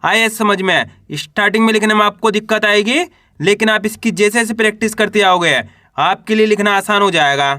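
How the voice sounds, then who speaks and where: Male tutor with a high voice, sounds out Hindi letters slowly and patiently, recorded dry and close. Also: sharp tone, dry recording. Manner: asks a question, then answers it himself; drawls syllables slowly when sounding out letters. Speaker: Hindi reading teacher. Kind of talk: patient step-by-step spelling lesson.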